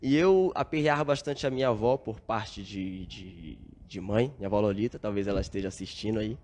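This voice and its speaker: A young Brazilian man, a guest on a podcast interview, tells his story earnestly and reflectively, leaning on frequent filler tags. His voice is fairly low and darkish, and he speaks briskly.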